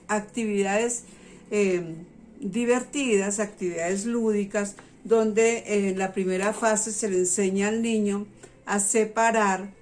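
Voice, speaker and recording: A woman teacher, middle-aged, speaks at an ordinary middle pitch. She explains a children's reading program to parents step by step, in a patient and unhurried way. She often stops to make sure her listeners are following.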